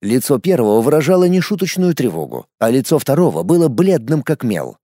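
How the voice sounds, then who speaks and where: Expressive male audiobook narrator. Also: medium pitch, brisk, dry recording, studio quality. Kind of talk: scripted fantasy narration.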